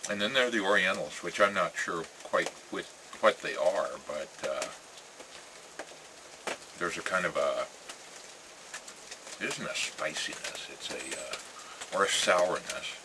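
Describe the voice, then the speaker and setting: An American man chatting casually in a rambling vlog, musing and halting, with phrases that trail off. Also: low-pitched. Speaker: pipe-smoking vlogger. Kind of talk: casual rambling chat to camera. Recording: clear ambient noise with birdsong.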